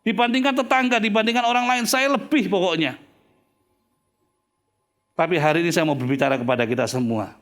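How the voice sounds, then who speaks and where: A man's voice: sits high, a little fast, long pauses, a bit bright. A male pastor preaching a sermon, often calling out to his listeners and dropping in English phrases. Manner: preaching, addresses listeners as brothers and sisters, mixes in English phrases.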